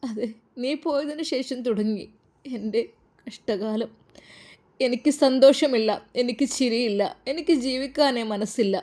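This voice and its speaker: A woman's voice: fairly high pitch, unhurried, darkish tone, close to an everyday voice. A woman voicing a grieving widowed father who sobs and pleads with a breaking voice, in a Malappuram Malayalam accent.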